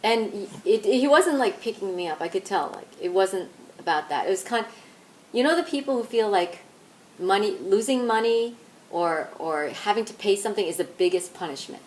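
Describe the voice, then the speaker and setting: A woman's voice: mid-range voice, lively intonation, normal speed, a little mellow, a little hiss or hum, natural voice, low-quality recording. An actress playing a young woman who tells a friend a long, rambling story, full of likes and ums, in naturalistic indie-film dialogue. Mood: animated.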